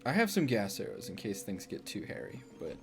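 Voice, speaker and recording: Chatty man with a lively voice. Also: lowish voice, fairly quick, noisy background. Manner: chatty, self-mocking, swears. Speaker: let's play gamer. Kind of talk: casual gameplay commentary.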